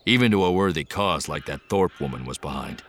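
A man's voice: rumbling low, expressive, a little fast, a bit bright, slight background noise. A man voicing a jovial old hermit who talks in a folksy, chuckling, rambling way.

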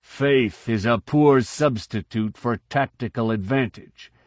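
A man's voice: mid-range voice, takes it slowly, no room sound, studio quality, natural voice. A man voicing a resigned but defiant male fleet admiral who argues boldly with a raised voice. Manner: bold, pressing, raised in argument.

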